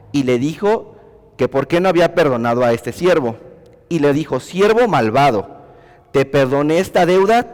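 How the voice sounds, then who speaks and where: A man's voice: on the high side, darkish tone, long reverb tail. A man preaching a sermon as pastor, telling a story and acting out the dialogue in quoted voices.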